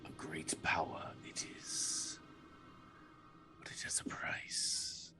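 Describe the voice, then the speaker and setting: Man playing ancient dark entity, whispered role-play, very low, slow, ominous, tabletop game, faint noise. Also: huge pitch swings, full character voice. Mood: ominous, tempting. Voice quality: hushed, breathy whisper. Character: ominous ancient dark entity offering power over death.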